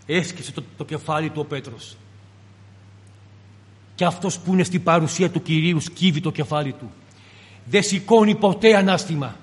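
High husky guy preaching a sermon, fervent and pleading, long echo like a big hall.

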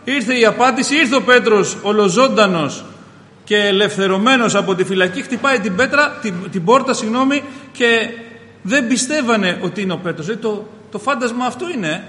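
A man preaching a sermon as a pastor, impassioned, rising loud on key phrases and calling his listeners brothers. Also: sits high. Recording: reverberant hall, faint ambience.

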